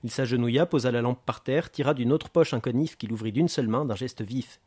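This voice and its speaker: A man reads a novel aloud in a steady, measured narration. His voice sits at a middle pitch and moves along at an even pace. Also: breathy edge. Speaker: reader. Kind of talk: audiobook narration.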